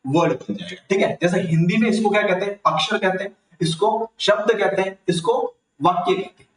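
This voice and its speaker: Hindi-speaking tutor in an echoey room. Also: male voice, sits high, brisk. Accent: Rajasthani Hindi. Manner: asks the class and answers himself. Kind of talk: online grammar lesson. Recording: echoey room, mic far off.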